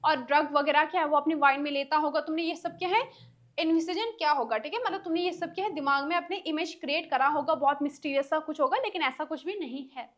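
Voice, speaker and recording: A woman teacher explaining an English story in a Hindi-English mix, reading English lines slowly and then chatting through their meaning, with frequent "ठीक है". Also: sits high.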